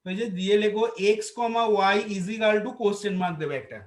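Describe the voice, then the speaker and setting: A man's voice: high voice, measured pace. A male maths teacher with a Bengali accent, dictating solution steps to a class and repeating phrases for note-taking. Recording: echoey classroom.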